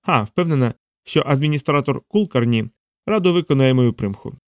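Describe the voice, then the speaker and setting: A man voicing a sharp-tongued young woman in an audiobook, playful and mocking. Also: mid-range voice, animated, brisk, no room sound, clean studio sound, lightly acted. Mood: teasing.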